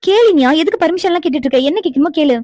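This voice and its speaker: Earnest, tearful cartoon big sister. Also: female voice, very high-pitched, lively intonation, rapid-fire, no room sound. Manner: emotional, earnest, warm. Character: older-sister figure, young woman, tearful and grateful. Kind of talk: animated cartoon dialogue.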